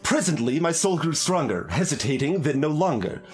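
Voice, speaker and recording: A man playing a brooding, haunted scholar, reciting gothic verse in a solemn, measured, theatrical manner. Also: a little high, lively intonation, soft background music, close to an everyday voice. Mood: dramatic, intent. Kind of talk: dramatic poetry recitation.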